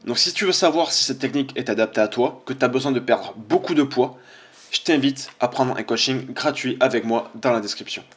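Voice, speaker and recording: A man's voice: mid-range voice, brisk, a bit bright. A man, a fitness coach giving casual, chatty commentary on social media posts, informal and full of fillers.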